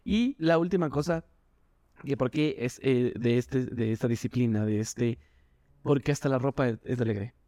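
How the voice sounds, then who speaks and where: A man, a doctor and Zumba instructor, talking with animated energy in a podcast interview, acting out quotes in a higher voice. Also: moderate pace, no room sound, clean studio sound. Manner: animated, jumps in pitch when quoting people. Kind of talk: enthusiastic interview talk.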